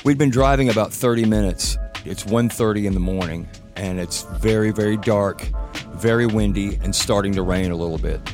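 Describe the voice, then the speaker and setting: A man telling a personal story for a podcast, measured, in short scene-setting phrases. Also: lowish voice, over music. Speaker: guest storyteller, musician.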